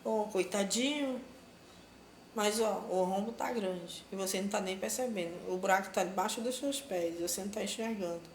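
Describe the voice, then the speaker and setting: A woman's voice: mid-range voice, normal speed, reverberant, slight background noise. Woman preaching on a live stream. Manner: exhortative, repeats herself, addresses listeners as brothers and sisters. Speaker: live streamer giving religious advice.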